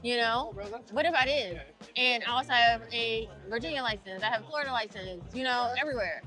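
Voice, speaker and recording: A woman's voice: on the high side, a little fast, sharp tone, faint music behind. A woman from Maryland, a podcast guest talking in a casual chat, emphatic and punchy, repeating her points for force. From Maryland, USA. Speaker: podcast guest, insurance agency owner.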